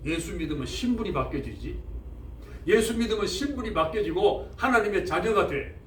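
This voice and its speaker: A man's voice: high-pitched, slight background noise. A middle-aged man preaching a sermon as pastor, emphatic, repeating phrases and asking the congregation questions. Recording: roomy, from a distance, faint ambience.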